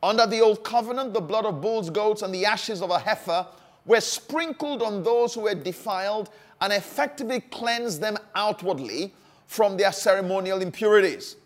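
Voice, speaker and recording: A man's voice: sits high, lively intonation, moderate pace. A man preaching a sermon, stressing phrases by repeating them, with frequent fillers and restarts.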